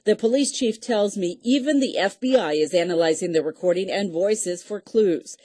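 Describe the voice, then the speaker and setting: A woman's voice: medium pitch, normal speed, warm tone, no room sound, clean studio sound. American woman narrating a TV news report.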